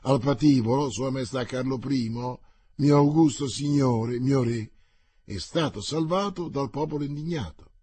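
A man's voice: mid-range voice, lively intonation, normal speed, warm tone, husky, dry recording. A man voicing a proud, anguished exiled queen who pleads urgently for news. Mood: imperious, pressing.

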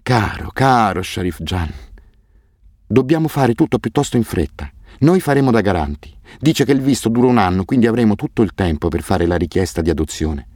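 Male reader as excited young wife, pitched up, eager, storybook audiobook. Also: a little fast, dry recording, clean studio sound.

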